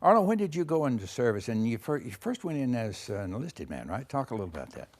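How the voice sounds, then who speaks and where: An older man hosting an interview in a dark studio, asking questions in a friendly way and dropping in frequent short acknowledgements. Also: medium pitch, sing-song, quick pace. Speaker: interview host.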